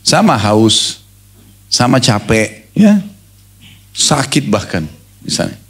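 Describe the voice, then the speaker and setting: A man's voice: medium pitch, slow pace, breathy edge. A male preacher giving a sermon to a live gathering, conversational and full of everyday examples, often putting questions straight to the audience. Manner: lively, questions the audience directly. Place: religious study gathering before an audience.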